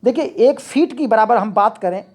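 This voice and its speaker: A woman teaching an English poetry lesson, explaining each point slowly and repeating it, with English definitions mixed into her talk. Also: a little high, animated, darkish tone. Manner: slow, repetitive, mixes English definitions into Hindi. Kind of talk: explanatory lecture.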